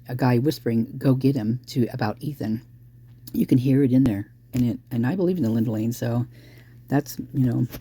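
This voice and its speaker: Warm in tone and mid-range in pitch, the voice belongs to a hoarse true crime commentator who casually speculates while thinking things through. Sudden ideas trigger excited outbursts.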